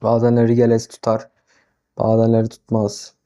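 A man's voice: mid-range voice, monotone, fairly quick, clean tone. A young man casually commenting as he plays a farming game, talking to himself and flaring into exasperated outbursts. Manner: talks to himself, flares into exasperated yelling at the animals. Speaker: gaming YouTuber. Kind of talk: casual Minecraft let's-play commentary.

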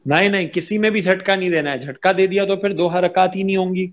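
A man's voice: sits high, steady tone, quick pace. A man teaching an online Arabic and Tajweed class, patiently explaining rules and modelling the sounds.

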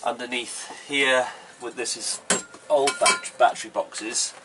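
Slow and fairly even in intonation, a mid-range male voice walks through the equipment in a tight indoor boat cabin. He's the owner, in his thirties, speaking casually and plainly as he gives the tour. Faint background noise comes through a slightly distant microphone.

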